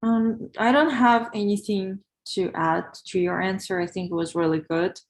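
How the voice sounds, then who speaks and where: A Ukrainian pharmacist studying for an English exam speaks in a steady, mid-range voice, and the room echoes around her. She talks carefully and in a measured way, with hesitant fillers as she answers, moving between a practice exam response and casual livestream chat.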